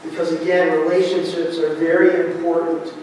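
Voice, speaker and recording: High-voiced pastor preaching in an echoey hall. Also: male voice, little pitch movement, normal speed, a little mellow. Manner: conversational preaching with frequent rhetorical questions to the congregation. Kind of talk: sermon. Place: church sanctuary. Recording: echoey hall, distant mic, faint noise.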